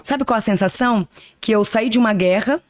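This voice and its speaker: A psychic in her fifties, appearing as a guest on a podcast, speaks earnestly and reflectively about spiritual matters, often adding "né." Her voice sits a little high and moves fairly quickly, with a slight hiss or hum in the background.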